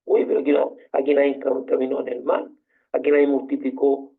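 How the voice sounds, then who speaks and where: A man's voice: medium pitch, monotone, fairly quick. A man preaching a sermon as pastor, passionate and full of rhetorical questions. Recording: tinny phone-like sound.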